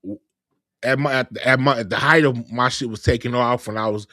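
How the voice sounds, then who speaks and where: A middle-aged man, a comedian hosting a live talk show, talking in a relaxed, rambling way. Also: mid-range voice, a little fast, dry recording, studio quality. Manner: relaxed, rambling, lots of fillers. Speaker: podcast host, comedian. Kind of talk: casual chat.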